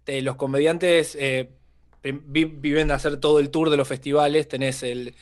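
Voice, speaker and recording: A man with an Argentine accent, a comedian guest on a podcast, telling stories in a slangy, animated way. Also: a little high, normal speed. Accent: Argentine Spanish. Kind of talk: casual chat.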